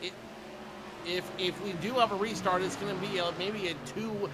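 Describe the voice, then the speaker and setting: Male race analyst, stumbles over his words, higher pitch, audible hiss behind. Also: fairly even intonation, moderate pace. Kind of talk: sim racing commentary.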